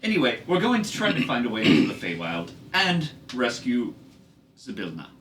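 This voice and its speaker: A man's voice: mid-range voice, huge pitch swings, normal speed, a bit bright. A man playing a tabletop game, talking casually with dry, wordy, mock-formal phrasing. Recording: roomy, distant mic with faint noise.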